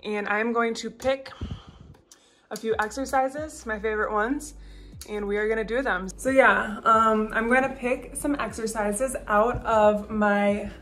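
A woman's voice: a little high, fairly even intonation, a little slow, fairly bright tone, echoey room, a little hiss or hum. A young woman in her twenties vlogging her workout plan and coaching exercise technique in a bubbly, chatty way. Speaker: fitness vlogger. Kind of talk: upbeat workout vlog and exercise instruction. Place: home, then car, then voice-over on gym clips. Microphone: phone camera at arm's length.

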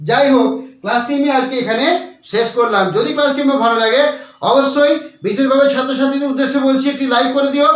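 High-voiced teacher in an echoey room. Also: male voice, steady tone, fast. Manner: repetitive, spells words out letter by letter. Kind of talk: YouTube language lesson.

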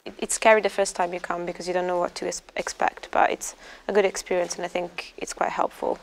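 A woman's voice: fairly low pitch, level tone, fast, vocal fry, a little hiss or hum, rough recording. A woman in her twenties from Australia, a volunteer speaking reflectively in a large warehouse. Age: 20s. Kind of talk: interview.

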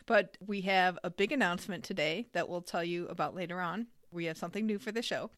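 A woman hosting a podcast, talking in a brisk, chatty way and laughing easily. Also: lowish voice, dry recording, clean studio sound. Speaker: podcast host. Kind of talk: casual podcast chat.

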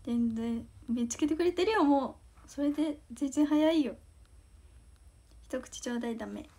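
High-voiced bashful teen girl, Kansai accent. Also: moderate pace, warm tone. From Osaka, Japan. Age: teens. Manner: bashful, giggly, thanking fans often. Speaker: idol livestream host. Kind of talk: casual livestream chat reading fan comments.

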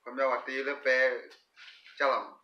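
A man's voice: medium pitch, level tone, unhurried, pushed and bright, recorded from a distance. A man hosting an eating show, talking casually while chewing his food. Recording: echoey room, off-mic, dull sound.

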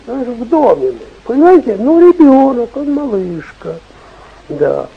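An older man, in his sixties or beyond, preaching an informal, emphatic sermon with repeated phrases and a raspy voice, speaking at a stand microphone. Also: very high-pitched, very animated, unhurried, phone-quality sound. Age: 60s or older. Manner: emphatic, repetitive, acting out short anecdotes and dialogue. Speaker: bishop preaching. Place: stage of a hall, indoors.

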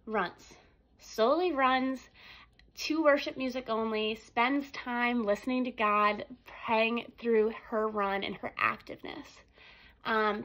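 A woman's voice: on the high side, fairly bright tone, rough recording. A young woman giving a casual devotional talk straight to a phone camera in a small room, earnest and conversational with frequent ums. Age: young adult. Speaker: student devotional speaker. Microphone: phone camera at arm's length.

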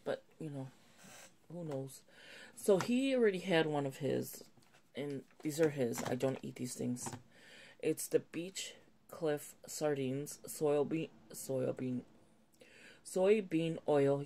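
Speaking in a low, dark-toned voice with a little hiss or hum behind it, a woman shows off items at her home table for a casual haul video. She sounds slightly nasal from a cold and is chatty, rambling, and quick to correct herself.

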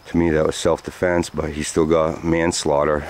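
A man's voice: very deep voice, flat delivery, normal speed, darkish tone. A man in his forties telling a story outdoors while walking a trail, rambling with many fillers, recorded on a handheld camera. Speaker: vlogger. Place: outdoors on sandy trails by woods. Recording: faint outdoor noise.

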